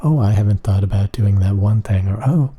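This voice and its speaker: A man giving a rambling ASMR talk in a flat, emotionless monotone, hesitant and meandering as he goes. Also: lowish voice, fairly quick, breathy edge. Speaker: ASMR video creator.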